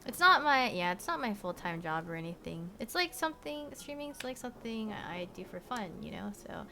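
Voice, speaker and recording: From her bedroom, a young woman born in Korea rambles to her stream audience, peppering her talk with "like" and "you know" before trailing off quietly. Her voice is lowish with vocal fry, and there's background noise.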